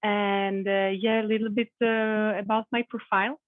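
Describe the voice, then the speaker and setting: A woman's voice: mid-range voice, little pitch movement, normal speed, no echo. A woman in her thirties from the Republic, speaking, talking as an interview guest with many hesitant fillers. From Czech Republic. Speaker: guest, communications manager. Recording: tinny phone-like remote call.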